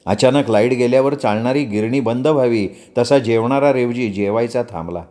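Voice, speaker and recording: A man narrating a story in a measured, expressive reading style. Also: medium pitch.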